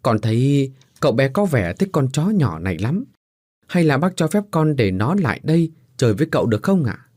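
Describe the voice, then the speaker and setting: A man's voice: mid-range voice, very animated, a little fast, darkish tone, dry recording, studio quality. A man voicing a frail, tearful poor young mother who stammers and pleads politely. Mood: timid pleading.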